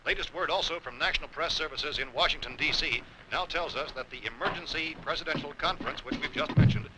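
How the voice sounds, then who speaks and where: Actor as a high-voiced, urgent American newsreader. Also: male voice, fast, noisy background, natural voice. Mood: grave, formal. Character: urgent, grave male emergency newsreader. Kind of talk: 1960s emergency news bulletin acting. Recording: old film soundtrack, loud music behind.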